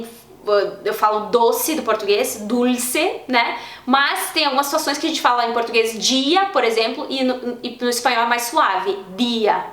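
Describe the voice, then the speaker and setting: A Brazilian woman giving an online Spanish lesson, explaining calmly and repeating example words slowly and clearly. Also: a little high, reverberant. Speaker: Spanish teacher.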